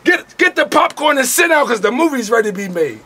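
A man from New York ranting boastfully and loudly on a live stream, taunting as he talks. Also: very high voice, sing-song, fairly quick. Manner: boastful, loud, profane, taunting. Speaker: livestreamer. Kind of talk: brash live-stream rant. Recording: loud crowd around him.

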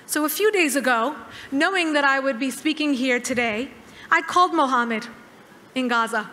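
A woman in her thirties giving a formal keynote speech at a podium, measured and emphatic with dramatic pauses. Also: sits high, expressive, pushed and bright, a little hiss or hum. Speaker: keynote speaker. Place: large dark hall, at a podium. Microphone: podium microphone. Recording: hall reverb.

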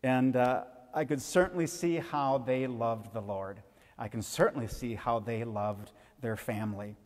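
A man, a pastor, giving a funeral sermon and telling a gentle story to the children. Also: mid-range voice, a little slow. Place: church sanctuary. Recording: reverberant church hall.

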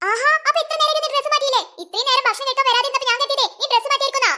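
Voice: very high-pitched, steady tone, very fast, background noise. A performer voicing a bossy, nagging village mother who scolds her daughters in a cartoon. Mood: scolding. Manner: nagging, threatening, fussy Malayalam mother.

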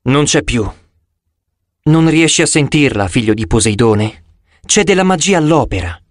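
A man voicing a calm, gentle goddess who speaks slowly and formally in an audiobook. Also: medium pitch, no room sound, studio quality, close to an everyday voice. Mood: solemn. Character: young-looking goddess, calm, gentle and ancient.

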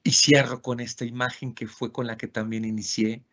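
A man's voice: mid-range voice, flat delivery, normal speed, pushed and bright. A man from Mexico giving a faith-based teaching talk in a webinar, earnest and acting out the voices he quotes. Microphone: video call. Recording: dull lo-fi webinar audio.

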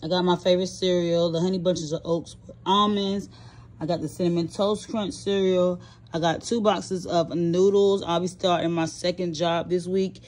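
A woman's voice: lowish voice, normal speed. A young woman chatting casually while she shows off her groceries, filmed on a phone at home. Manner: relaxed, chatty listing of items with fillers. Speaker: vlogger showing a grocery haul. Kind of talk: casual chat. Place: indoors at home, off camera. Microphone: phone camera held while filming items.

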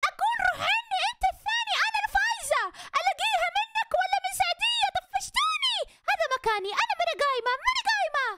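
A woman's voice: extremely high pitch, big pitch swings, racing, few pauses. A woman voicing a bratty, quarrelsome young sister in a game role-play, bossy and taunting. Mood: scornful. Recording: loud clicking noise behind voice.

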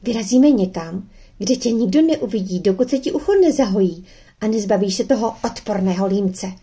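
A woman's voice: mid-range voice, expressive, dark tone, breathy edge. A woman reading an audiobook voices a stubborn, indignant young girl who sulks and flares up. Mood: determined. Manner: sulky, indignant.

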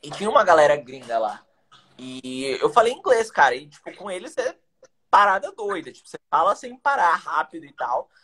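The voice is husky, pushed and bright, fairly high and sing-song, with a brisk pace. It belongs to a young Brazilian English teacher chatting energetically on a video call, using slang and rhetorical questions as he shares teaching tips in a casual live stream. He's in a small room indoors, heard through a webcam.

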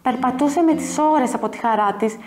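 A kindergarten teacher, a woman, telling a story to young children in an expressive, animated way. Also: high-pitched, soft background music.

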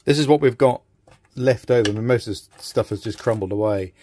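A middle-aged radio restorer with a mellow, mid-range voice speaks fairly quickly while showing a repair for a video. Sitting at his bench in a small indoor workshop, he thinks aloud in a loose, hesitant way, with slight background noise present.

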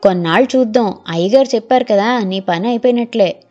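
A woman putting on a brash village fixer who talks breezily and waves away every worry. His voice sits a little higher and lively. The recording is muffled, with faint music behind. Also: brisk, lightly acted. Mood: reassuring. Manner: breezy, dismissive, reassuring. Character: brash village political fixer, middle-aged man.

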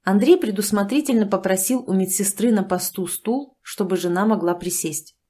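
Woman reading an audiobook, even voice. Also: medium pitch. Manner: even, measured storytelling. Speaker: audiobook reader. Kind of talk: scripted narration.

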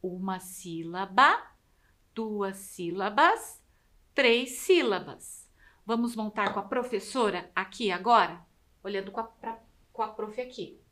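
A Brazilian woman teaches young pupils, stretching each syllable with careful, exaggerated enunciation. Her voice is bright and clear, and her pitch moves a lot as she guides them. She keeps an unhurried pace throughout. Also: lively intonation. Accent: Brazilian Portuguese. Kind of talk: slow, drawn-out classroom instruction for children.

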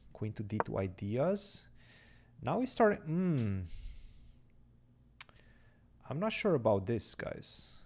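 A man's voice: medium pitch, gravelly, a little mellow, slightly rough. A young man giving chatty live chess commentary, thinking aloud about the moves and chatting with viewers.

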